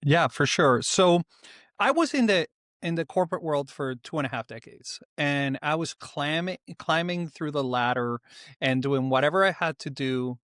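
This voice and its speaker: A middle-aged man from Venezuela, calmly explaining ideas as a guest author in an interview, with small pauses. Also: on the high side, dry recording, studio quality. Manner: calm, explanatory, with frequent "uh" pauses. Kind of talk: reflective interview answers.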